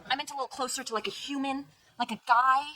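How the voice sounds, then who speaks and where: An actress playing a meddling older sister who talks in a sarcastic, teasing way. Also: female voice, sits high, fairly even intonation, quick pace, pushed and bright, low-quality recording. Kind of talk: sitcom acting. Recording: TV audio with background noise.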